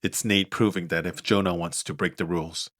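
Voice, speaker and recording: A man narrating his own audiobook in a steady, even reading. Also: low voice, a little fast, no echo, clean studio sound. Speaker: author narrator.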